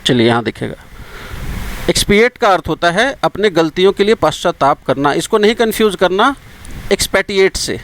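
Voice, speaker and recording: A man with an Indian accent teaches exam vocabulary, explaining each word and repeating the English terms slowly to drill them. His voice sits a little high for a man. Faint traffic hums behind him. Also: expressive, a bit bright, low-quality recording. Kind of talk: vocabulary lesson for exam prep.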